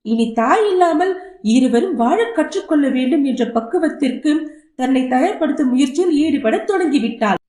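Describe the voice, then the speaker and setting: A woman reading an audio novel aloud with expressive storytelling. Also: high-pitched, normal speed. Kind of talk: scripted story narration. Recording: roomy echo.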